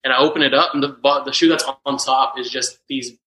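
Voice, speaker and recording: A man's voice: medium pitch, steady tone, bright, forceful tone, echoey room, low-quality recording. A young man from Texas, a podcast guest, telling a story casually with many "like" fillers. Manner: rapid, filler-heavy with "like".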